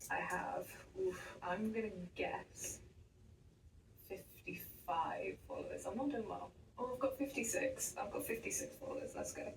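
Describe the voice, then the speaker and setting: Eighteen-year-old woman in an echoey room. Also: medium pitch. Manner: chatty, jokey. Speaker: vlogger. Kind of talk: casual vlog chat. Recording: echoey room, distant mic, faint noise.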